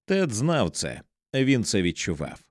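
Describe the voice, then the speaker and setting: A man narrates an audiobook in a low, expressive voice. His pitch rises and falls widely as he builds tension, and the recording is dry and close, with no room sound. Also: no echo. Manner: measured, dramatic storytelling with wide swings in pitch. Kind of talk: audiobook reading of a horror novel.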